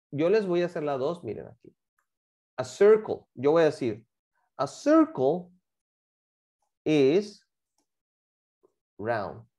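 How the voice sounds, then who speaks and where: A woman's voice: low voice, dark tone. Woman, English teacher, explaining homework, patient, asks if students follow. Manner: patient, checks understanding with frequent questions.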